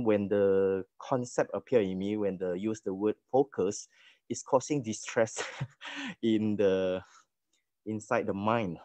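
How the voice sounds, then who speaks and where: A man's voice: on the low side, dark tone, no echo. A man on an unstable online call connection asks a meditation teacher questions, hesitant and searching for words. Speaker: meditation student asking questions. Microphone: video call. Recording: dull, dry lo-fi video call audio.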